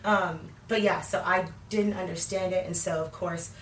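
A candid woman in her thirties tells her faith story in an interview, rambling through fillers with a lowish voice. She sounds a bit far from the mic in an echoey room, with faint ambient noise. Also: fairly even intonation, moderate pace. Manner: candid, many fillers, laughs often. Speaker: guest.

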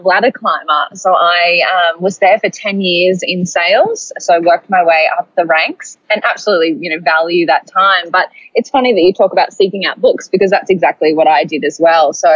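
A woman's voice: fairly low pitch, fairly bright tone, slightly rough, dry recording, dull audio. A woman in her thirties with a Brisbane Australian accent, chatting as an interview guest, laughing often and using many fillers. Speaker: guest, startup founder. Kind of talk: casual interview chat.

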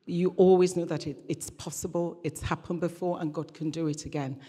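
At a live event in a large church hall, a middle-aged regional church minister preaches as a guest in a conversational sermon and interview. Her voice is low, steady, fairly quick, mellow, and husky, her phrasing hesitant yet light, and the hall's long reverb echoes around her.

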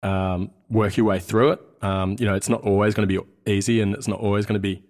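This is a fast talker with a fairly low, darkish voice that barely moves in pitch. He's an Australian man in his thirties, born in New Zealand, casually chatting as a podcast guest while hesitating and searching for his words.

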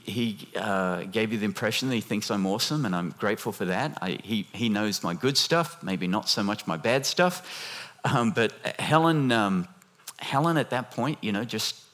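A man preaching a sermon who talks with the congregation, halting with many restarts and fillers and making jokey, chatty asides. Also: medium pitch, fairly bright tone. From lived half in Australia, half in America. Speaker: guest preacher. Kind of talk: sermon with audience interaction.

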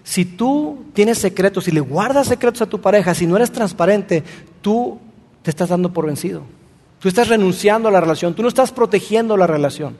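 A man's voice: high-pitched, expressive, brisk, darkish tone, long reverb tail. A man preaching a sermon, speaking earnestly and addressing the listener directly with rhetorical questions. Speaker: pastor.

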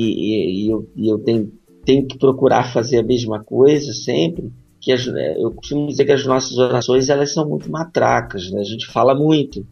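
A man's voice: medium pitch, gravelly, dark tone, breathy edge, lo-fi sound. A man co-hosting a podcast, talking reflectively about faith and often tagging his points with a questioning "right?". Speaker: podcast co-host. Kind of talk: casual discussion on faith.

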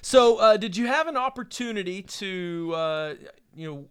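A middle-aged man with a smooth, clear voice pitched a little high hosts a relaxed talk. He speaks as a pastor, loose and rambling, with a joking warmth of tone and plenty of fillers. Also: moderate pace. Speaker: pastor and podcast host. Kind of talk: casual chat.

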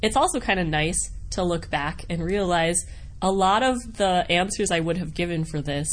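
This American woman from Wisconsin speaks in a lowish voice at a moderate pace, giving relaxed interview answers as a voice actor. Chatty and rambling, she giggles and pokes fun at herself, and the recording has noticeable background noise.

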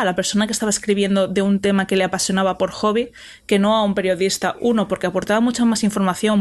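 A woman co-hosting a casual podcast, speaking with many fillers and restarts. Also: mid-range voice. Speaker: podcast co-host.

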